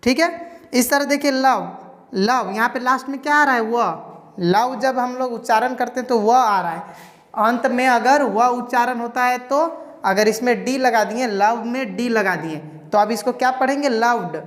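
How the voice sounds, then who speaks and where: A woman's voice: fairly high pitch, normal speed. Woman teaching pronunciation in an echoey room. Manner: explains step by step, asks and answers her own questions. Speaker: English teacher. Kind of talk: pronunciation lesson.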